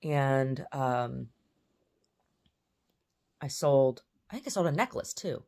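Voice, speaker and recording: A woman's voice: rumbling low, lively intonation, takes it slowly, mellow. A woman vlogging in a casual, rambling way, often trailing off and restarting her sentences.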